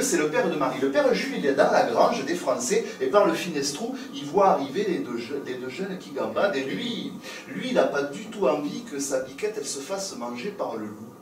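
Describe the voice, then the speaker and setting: Storyteller on a distant stage. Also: male voice, on the high side, normal speed, slight background noise. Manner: lively, playful, swings between loud and hushed. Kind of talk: theatrical storytelling for adults. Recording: roomy live recording from a distance.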